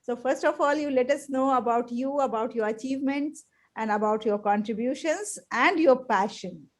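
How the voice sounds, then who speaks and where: A woman's voice: on the high side, normal speed. A woman hosting a show, welcoming her guest in a formal, ceremonious manner. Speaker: host.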